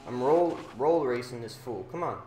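A young man talks like a frat bro, casual and full of slang and swearing, as he commentates on his own gameplay. His delivery is unhurried at a middling pitch. The room echoes, with faint racing-game engine noise behind him. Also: expressive. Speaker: gamer recording a gameplay video. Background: racing game car sounds.

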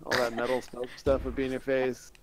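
A man chatting casually and joking loudly with friends while playing a VR game over online voice chat. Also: mid-range voice, fairly quick, over a noisy crowd. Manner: joking, excitable, swears a lot. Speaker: gamer.

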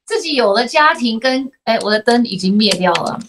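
Woman co-host, forties, lively storyteller, slightly high voice, tosses in English words. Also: fairly quick, slight background noise. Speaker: talk show co-host. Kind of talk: casual chat.

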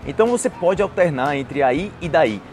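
Teaching to camera from an outdoor patio near trees and a street, a young adult man with a Brazilian accent walks through a conversational language lesson with acted example phrases. He speaks at normal speed in a fairly high, animated voice, recorded on a lapel mic with faint music behind.

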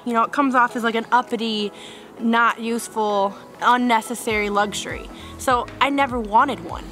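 A woman's voice: fairly high pitch, steady tone, moderate pace, fairly bright tone, soft background music. A young woman vlogging on a winter hike in the woods, talking chattily to a handheld camera with lots of fillers. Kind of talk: casual vlog talk to camera.

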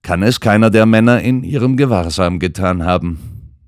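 A man voicing a calm, shrewd gentleman detective who lays out his reasoning in measured, precise sentences, in an audiobook. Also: lowish voice, no room sound, clean studio sound, voice pushed up, close to an everyday voice. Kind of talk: audiobook character voice.

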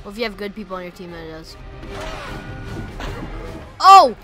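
Bright, excitable woman gamer. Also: fairly low pitch, very fast, soft background music. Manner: excitable, chatty, lots of "like" and "friggin'". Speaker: gaming YouTuber. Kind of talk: casual gameplay commentary.

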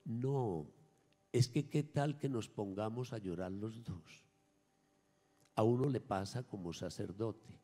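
A man, a priest, preaching a sermon at Mass, emphatic, swinging between raised and hushed lines. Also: fairly low pitch, a little slow, in a large hall. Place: church.

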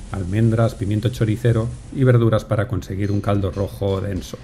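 A food vlogger narrator delivers calm, scripted voice-over in a mellow, gravelly voice on the low side. His measured, unhurried narration is descriptive, with soft music in the background.

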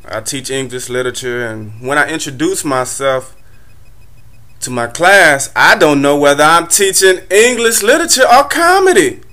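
Young guy doing standup, chatty rambling stories, bit high pitched. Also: expressive, moderate pace, pushed and bright. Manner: storytelling, loose and chatty, many fillers. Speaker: stand-up comedian. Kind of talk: stand-up comedy monologue.

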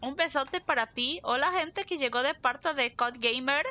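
Chatty brazilian woman streamer, high bright voice, southern brazilian accent, kinda dull lo-fi audio. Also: normal speed. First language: Portuguese. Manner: chatty, talks a lot, laughs easily. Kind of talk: casual live gameplay chat.

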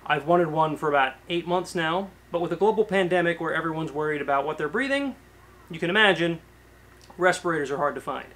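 Man in his 30s, casual workshop vlogger, slightly high voice, loose and chatty, garage. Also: a little fast. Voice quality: relaxed, chatty, with frequent fillers and restarts. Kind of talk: casual show-and-tell to camera. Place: cluttered garage workshop, indoors.

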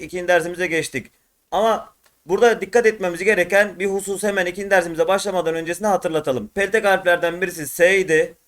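A man with a high voice gives a patient online reading lesson. He explains as he draws on the screen, repeats each point and calls out single vowel sounds one after another for the viewers to copy. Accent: Turkish. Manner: repetitive, drills single sounds aloud and calls viewers friends. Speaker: Quran reading teacher.

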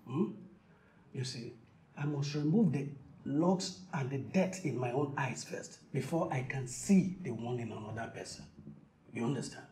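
An actor playing a harried, well-meaning middle-aged Nigerian uncle, pleading and placating in a naturalistic film style. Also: male voice, fairly high pitch, animated, moderate pace, a little mellow, a little hiss or hum, lightly acted. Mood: soft reassuring. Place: roomy indoor clinic waiting area. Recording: roomy sound with faint music.

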